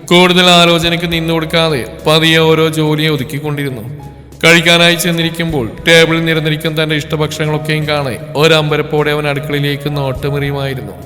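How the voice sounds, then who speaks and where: A man narrating a scripted story in a steady, even storytelling delivery. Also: a little high. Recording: long reverb with background music.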